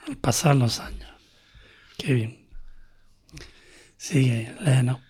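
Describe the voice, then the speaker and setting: A man's voice: mid-range voice, lively intonation, slow, a little mellow, slightly rough. A man hosting a radio interview, prompting his guest with short encouraging questions. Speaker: radio host.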